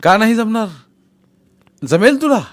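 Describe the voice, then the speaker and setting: A man's voice: sits high, expressive, unhurried, pitched above the performer's own voice. A man doing a shrewd village politician, coaxing. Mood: coaxing, persuasive. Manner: pressing, coaxing, teasing. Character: shrewd male village politician, middle-aged, persuasive.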